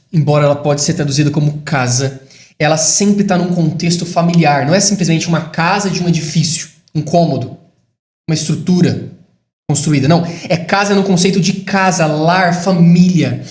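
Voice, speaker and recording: Pregador brasileiro de voz aguda, em sala com eco. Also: male voice, moderate pace, echoey room. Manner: rises to emphatic high declarations, drops to quiet reflective asides. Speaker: preacher. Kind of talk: sermon.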